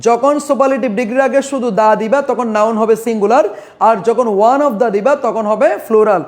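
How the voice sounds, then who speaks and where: Bangladeshi male tutor, young, very high voice, drilling grammar rules by repeating them and quizzing the class, stretching out example words. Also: steady tone, fairly quick. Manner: repeats key points and asks questions then answers them himself. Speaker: English teacher. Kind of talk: live online grammar lesson.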